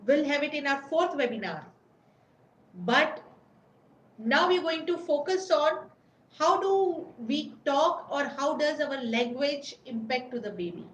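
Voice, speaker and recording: This webinar presenter has a high voice with lively intonation and talks a little slowly. Her informal lecture is full of repetition and pauses to find words, captured in a roomy recording with faint background ambience.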